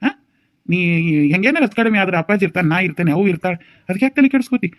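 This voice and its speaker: A man's voice: high-pitched, expressive, rapid-fire, dry recording, clean studio sound. A man voicing a teasing, comforting young village brother in a cartoon, with a North Karnataka Kannada accent. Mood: coaxing. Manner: teasing and coaxing. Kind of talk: cartoon voice acting.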